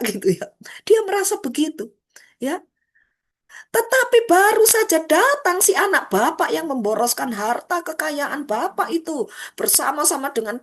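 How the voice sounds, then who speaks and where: A woman evangelist preaching a sermon over a video call, telling a story with animated voices for its characters. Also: high-pitched.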